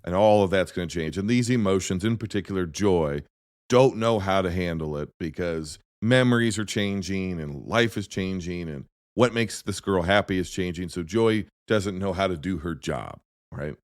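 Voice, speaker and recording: A low-voiced man talks casually about films on a podcast. He rambles and restarts his sentences, jumping between stories and opinions. The sound is close and dry, with no room in it. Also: normal speed, dry recording. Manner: rambling, self-interrupting, animated storytelling. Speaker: podcast host. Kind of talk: casual movie chat.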